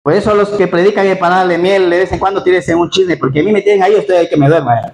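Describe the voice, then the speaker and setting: A male pastor preaching a lively sermon, asking his congregation questions directly. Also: sits high, rapid-fire, slight background noise. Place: church hall; Spain. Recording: echoey church hall.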